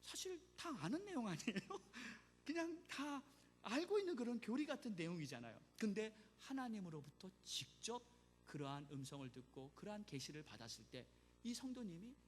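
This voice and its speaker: Animated male pastor in a reverberant church. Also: sits high, normal speed. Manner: animated, emphatic storytelling. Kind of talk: sermon with storytelling. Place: church sanctuary. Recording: church hall reverb, faint noise.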